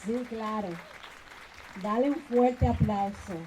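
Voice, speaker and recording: A woman's voice: fairly high pitch, steady tone, a little slow, a crowd in the background, background noise. A woman school principal giving a heartfelt, emotional graduation speech into a podium microphone. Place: graduation ceremony.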